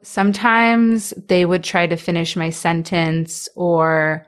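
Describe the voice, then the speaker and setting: Her voice on the low side and her pace slow, a stuttering woman in her twenties speaks openly as an interviewee. She is soft-spoken, with restarts, repeated sounds, and small laughs between her thoughts.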